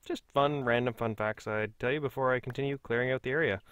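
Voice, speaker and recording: A man's voice: medium pitch, fast, fairly bright tone, clear, resonant tone, dry recording. A man hosting a Let's Play, chatting casually and mocking himself as he plays. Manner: chatty, self-mocking, talks to himself while playing. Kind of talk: casual gameplay commentary.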